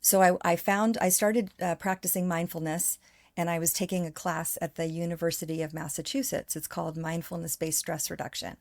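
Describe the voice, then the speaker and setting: A woman's voice: fairly low pitch, little pitch movement, a little fast, dry recording, studio quality. A woman speaking as a podcast guest, talking earnestly at length in casual conversation. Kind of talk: casual interview chat.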